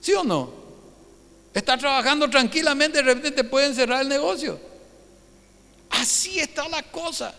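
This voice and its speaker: A pastor delivers a Sunday sermon in a high, sharp voice, firing rhetorical questions at his congregation. His words ring out with a long reverb from the church hall around him. He preaches with lively conviction. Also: normal speed, gravelly, long pauses.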